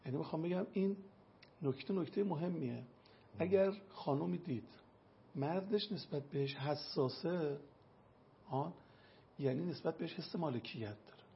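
A man's voice: fairly high pitch, gravelly, pauses often, lo-fi sound, a little hiss or hum. A man giving a religious talk, telling anecdotes and acting out the people in them. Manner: acts out quoted people with lively voice changes. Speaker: religious speaker.

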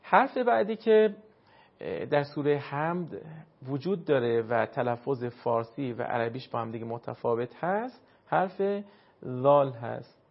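Man, recitation teacher, patient explaining, mid pitch, muffled lo-fi recording. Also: creaky. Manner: patient, explains and demonstrates sounds slowly. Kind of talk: instructional lesson. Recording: dull lo-fi recording.

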